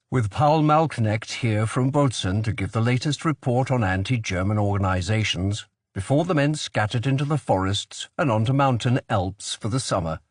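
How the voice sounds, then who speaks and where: A man's voice: on the low side, no echo, clean studio sound. Man reading a thriller audiobook. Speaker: audiobook narrator. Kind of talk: scripted narration.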